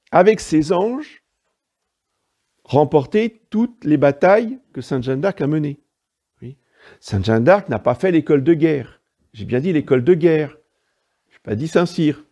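A man preaches a sermon in a didactic, emphatic way. His pitch rises and falls freely, and his voice is gravelly with a mellow, dark tone. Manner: didactic, emphatic asides, frequent "hein" and "vous voyez". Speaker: priest.

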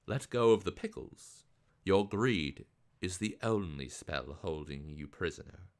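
A man's voice: sits low, lively intonation, measured pace, a little mellow. A man reading as a bold, teasing storybook hero. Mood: confident. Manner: confident, teasing. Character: clever, bold folk hero, a grown man.

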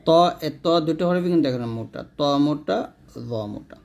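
A man's voice: fairly high pitch, animated, a little fast, creaky, mellow. A man teaching Quran letter pronunciation step by step, sounding out each letter and answering his own questions.

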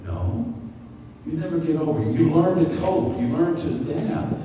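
An older man preaching to his congregation, his voice jumping up high when he acts out what people say. It comes through a roomy church hall with a long echo, caught a little off the mic, with a faint ambient hiss beneath. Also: moderate pace, recorded from a distance. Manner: animated preaching with sudden high-pitched acted quotes, gesturing. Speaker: pastor. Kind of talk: sermon. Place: church sanctuary. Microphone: stand mic at lectern.

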